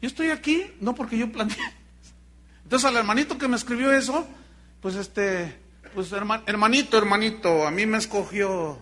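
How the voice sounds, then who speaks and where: Lively high-voiced Mexican preacher. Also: male voice, moderate pace. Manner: animated storytelling with joking asides to the congregation. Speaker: pastor. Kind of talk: sermon.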